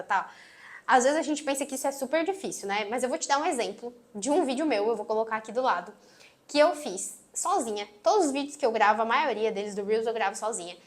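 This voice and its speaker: Sweet-voiced Brazilian woman teaching. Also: fairly high pitch. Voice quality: sweet, gentle voice. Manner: emphatic, closes phrases firmly. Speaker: marketing instructor. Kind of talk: online course lesson. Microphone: phone on tripod.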